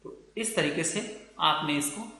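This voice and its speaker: A man teaching English pronunciation in a video lesson, explaining slowly and checking with his students again and again. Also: a little high, sharp tone. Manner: explains slowly, repeats words and checks with "theek hai na". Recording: very echoey room.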